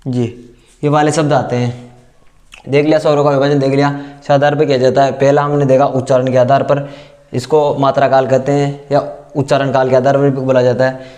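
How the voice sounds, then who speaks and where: A man teaching a class, repeating terms slowly and asking and answering his own questions as he writes them down. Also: medium pitch, flat delivery, a little mellow. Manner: dictates as he writes. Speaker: Hindi teacher. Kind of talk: classroom lesson at a board.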